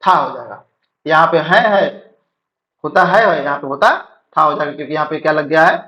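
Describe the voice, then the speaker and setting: Guy teaching grammar at a board, a bit high voice, dull lo-fi sound, keeps asking "right?". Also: pushed and bright. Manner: explains slowly, reads English sentences word by word, checks with "है ना?". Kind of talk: classroom-style grammar lesson. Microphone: writing on a board while talking.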